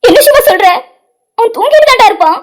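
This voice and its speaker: A woman's voice: very high voice, lively intonation, quick pace. A woman voicing a distraught cartoon mother. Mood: worried. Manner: wailing, distraught. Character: worried middle-aged mother, grieving.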